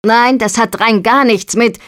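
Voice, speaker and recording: A woman's voice: on the high side, steady tone, unhurried, fairly bright tone. Woman doing a condescending arrogant young man. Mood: irritated. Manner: condescending, lecturing. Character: arrogant bossy young man, boat builder's colleague.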